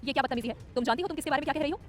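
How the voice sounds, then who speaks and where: A woman's voice: high-pitched, rapid-fire, voice pushed up, close to an everyday voice. A woman voicing Mrs. Neelima, a stern, authoritative female CEO with a commanding, scolding manner.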